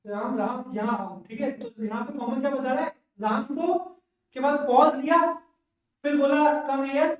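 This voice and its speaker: A man's voice: extremely high pitch, normal speed. A male English teacher giving a classroom lecture at the board, who keeps asking the class questions and checking in with "okay". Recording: very echoey room, mic far off.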